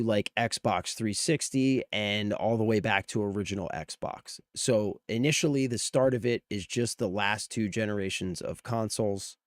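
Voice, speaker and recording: Through a strained voice he has nearly lost to illness, a livestream host talks informally with viewers about gaming news. His voice is mid-range with a darkish tone, recorded at studio quality without any room sound.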